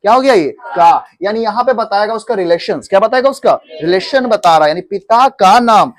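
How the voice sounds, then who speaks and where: Man, Indian accent, English teacher, high-pitched, question-and-repeat classroom style, Hindi mixed with English. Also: lively intonation, normal speed. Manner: mixes Hindi with English phrases. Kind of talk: classroom lesson.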